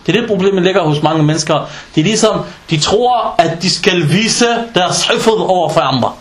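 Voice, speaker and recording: A man preaching a humorous sermon in a mosque, telling stories with lively rhetorical questions and scattered Arabic religious terms. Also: high voice, roomy sound. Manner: animated storytelling with rhetorical questions.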